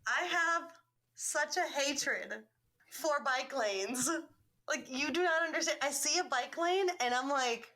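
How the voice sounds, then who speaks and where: Twenties woman ranting on a podcast, bright sharp voice, pretty high, over the top. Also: unhurried. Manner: emphatic, dramatic, swears for effect. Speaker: podcast co-host. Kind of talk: casual podcast chat.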